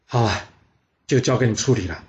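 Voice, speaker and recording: A slow-witted, anxious ancient king, as a male storyteller voices him, puzzled and given to sighing. His voice sits at a plain middle pitch, in spoken history storytelling. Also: a little mellow, highs cut off, close to an everyday voice. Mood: resigned.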